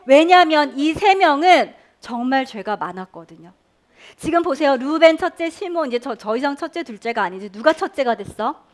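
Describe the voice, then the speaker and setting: A woman's voice: sits high, moderate pace. A woman preaching a Sunday school sermon to children, quizzing them and leading them in repeating phrases. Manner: animated, questioning children and leading call-and-response. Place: church Sunday school room.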